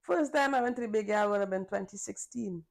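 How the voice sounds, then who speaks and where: A middle-aged woman with a Trinidadian accent speaks as a calypso singer in a relaxed conversation. She circles back over her points and asks her listener if they understand. Her pitch and energy sit at an ordinary middle level. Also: fairly quick, creaky. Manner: relaxed, repeats phrases for emphasis. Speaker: calypsonian guest. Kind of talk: casual conversation.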